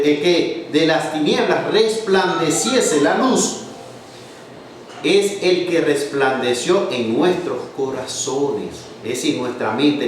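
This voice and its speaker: A man preaching a sermon, reading scripture aloud and explaining it, asking questions for the congregation to answer. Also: a little high. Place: church hall. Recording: echoey hall, from far off, faint noise.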